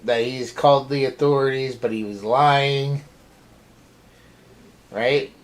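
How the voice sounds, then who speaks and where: A woman with a strikingly low voice recaps a film plot in easy, casual chat. She keeps asking her co-host what happens next. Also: steady tone, slow. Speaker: co-reviewer. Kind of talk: casual movie review chat.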